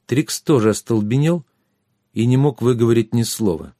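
A man reads a story aloud with an even, storytelling delivery. His voice is dark and mellow, recorded close and dry with no room sound. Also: medium pitch, normal speed, no echo. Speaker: narrator. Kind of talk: audiobook narration.

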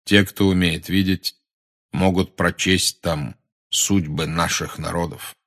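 Man voicing a centaur teacher, dignified, calm, measured, deep, storybook reading. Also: exaggerated voice.

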